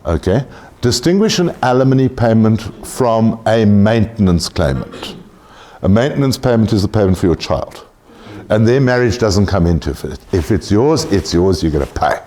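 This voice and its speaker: A man's voice: on the low side, animated, normal speed, mellow. A man lecturing a class on tax, blunt and joking, swearing casually.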